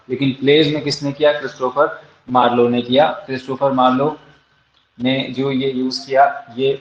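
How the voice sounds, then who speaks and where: Indian english guy running an exam-prep lecture, keeps quizzing the class and answering himself, roomy and kinda dull lo-fi sound. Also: mid-range voice. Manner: drills students with rhetorical questions, answers them himself. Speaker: English literature teacher. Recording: echoey, dull lo-fi room sound.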